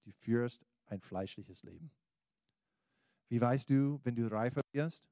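A man's voice: mid-range voice, slow pace, dark tone, no room sound. A man with an American accent, a native English speaker, preaching an informal evangelical sermon, exhorting listeners directly in colloquial words. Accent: American accent in German. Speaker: preacher, pastor.

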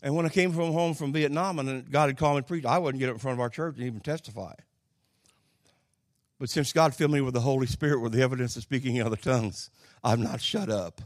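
A man's voice: medium pitch, dry recording. Older Oklahoma man preaching, dry close sound. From Oklahoma, United States. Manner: folksy, plainspoken, halting with pauses and repetitions. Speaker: Pentecostal preacher. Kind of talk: sermon with personal storytelling.

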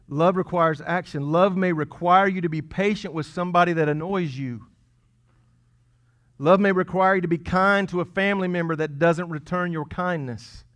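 A man preaching a sermon as pastor, conversational and playful, with quiet asides between loud, emphatic lines. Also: a little high. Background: congregation chuckling.

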